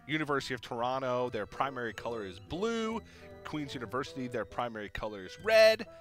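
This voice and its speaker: A man's voice: mid-range voice, big pitch swings, fairly quick, faint music behind. A young man casting a collegiate card game tournament, with playful, chatty banter between matches. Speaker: esports caster. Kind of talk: tournament commentary.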